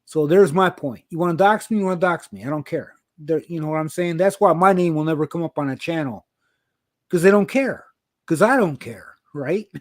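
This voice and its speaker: A man in his fifties chatting bluntly on a livestream, swearing freely and swinging from calm talk to heated outbursts. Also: a little high, moderate pace, no room sound, clean studio sound. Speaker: livestreamer sharing news of predator cases. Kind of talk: casual livestream chat. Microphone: video call.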